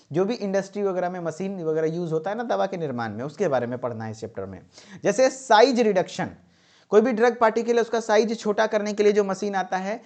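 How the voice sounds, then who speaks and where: A man's voice: sits high, darkish tone. Man, pharmacy tutor, emphatic and repetitive exam coaching. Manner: repetitive, emphatic, checks in with "ठीक है". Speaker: pharmacy teacher. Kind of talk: exam-tips lecture.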